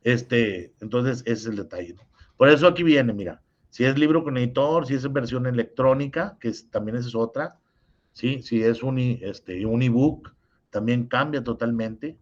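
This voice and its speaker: A man's voice: mid-range voice, normal speed, lo-fi sound. A man with a Mexican accent teaching a review lesson over a video call, explaining step by step and often checking in with his listener. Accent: Mexican Spanish.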